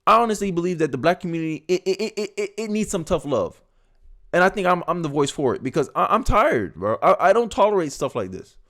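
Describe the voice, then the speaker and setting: A man's voice: sits high, very animated, quick pace, a bit bright. Blunt, heated male commentator. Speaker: online commentator. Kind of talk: reaction commentary.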